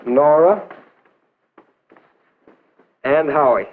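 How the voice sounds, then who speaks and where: A man acting a courteous discussion leader, measured and slightly stiff, in 1950s educational film style. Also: on the high side, lively intonation, heavily acted. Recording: noisy, phone-like 1950s film soundtrack.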